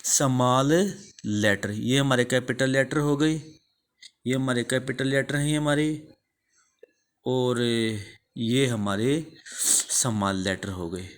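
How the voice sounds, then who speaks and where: A man with an Indian accent teaching the English alphabet in a slow, repetitive lesson, asking a question and then answering it himself. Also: mid-range voice, steady tone. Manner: slow, repeats each answer after asking it.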